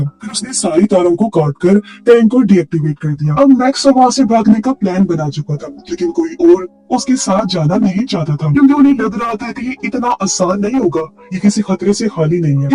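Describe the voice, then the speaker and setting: High-voiced man narrating a film recap. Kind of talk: scripted movie recap narration.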